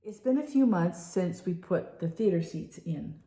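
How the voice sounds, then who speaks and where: An older woman with a fairly low, soft-edged mellow voice hosts a casual vlog review. She talks in a chatty, emphatic way and repeats herself to make a point. The room adds noticeable echo. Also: animated, moderate pace, soft background music. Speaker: vlog host. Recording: roomy, echoey indoor sound.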